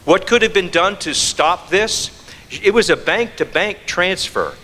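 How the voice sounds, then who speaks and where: A fraud prevention speaker with a high, bright, forceful voice gives a scam-prevention presentation to an audience at a slightly slow pace. He fires off rhetorical questions and repeats key phrases for emphasis, and a long reverb tail trails his words.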